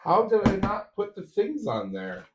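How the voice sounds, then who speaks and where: A man's voice: sits high, huge pitch swings, measured pace, a little hiss or hum. Rambling man chatting in a roomy space. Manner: rambling, chatting with viewers while assembling. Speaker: 3D printer build streamer. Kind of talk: casual livestream chat while building. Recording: roomy echo.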